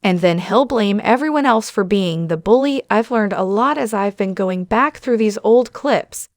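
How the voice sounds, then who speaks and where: A woman's voice: medium pitch, lively intonation, moderate pace, no echo, clean studio sound. A woman hosting a channel, giving casual, opinionated commentary straight to her viewers with plenty of fillers. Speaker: channel host.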